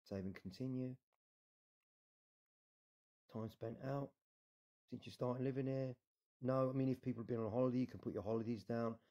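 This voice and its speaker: Casual British man, low mellow voice. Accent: British English. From United Kingdom. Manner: casual, reassuring, frequent tag "yeah?". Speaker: immigration adviser. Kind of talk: screen-recorded tutorial walkthrough.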